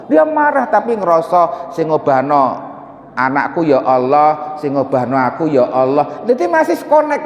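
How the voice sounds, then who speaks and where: High-voiced Javanese preacher in an echoey mosque. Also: male voice. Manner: conversational, asks the audience questions, mixes Javanese and Arabic. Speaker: religious teacher. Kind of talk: mosque study sermon with Q&A. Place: mosque hall. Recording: echoey hall with long reverb.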